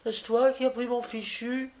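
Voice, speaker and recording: A man's voice: very high voice, level tone, normal speed, a little mellow, voice pushed up. A man voicing a simple young country woman, offhand and plain-spoken. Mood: calling. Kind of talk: audiobook reading.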